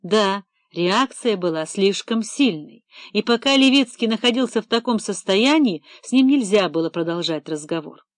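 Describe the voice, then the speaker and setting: A woman's voice: mid-range voice, animated, normal speed, hardly any pauses, no echo. Woman narrating a detective audiobook. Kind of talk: scripted literary narration.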